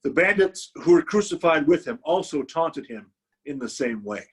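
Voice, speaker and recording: Animated, husky man reading scripture. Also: on the high side, moderate pace. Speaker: Lutheran pastor. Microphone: video call.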